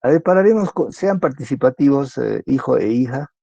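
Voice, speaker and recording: Chatty male lecturer, dark voice. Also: mid-range voice, animated, normal speed, creaky, no echo. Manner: chatty, tags sentences with questions. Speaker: university lecturer. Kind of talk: online class lecture. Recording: dull lo-fi recording.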